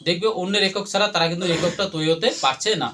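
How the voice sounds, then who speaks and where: A man's voice: high-pitched, fairly even intonation, fast talker, pushed and bright, slight background noise. A man teaching a classroom, drilling his students with repeated questions and having them chant the answers back. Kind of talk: classroom lesson with call-and-response.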